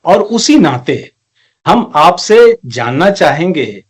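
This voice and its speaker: A man's voice: fairly high pitch, very animated, takes it slowly, husky. Courteous man hosting an interview. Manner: courteous, affirming, mixes English terms. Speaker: professor, interview host. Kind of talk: interview questions.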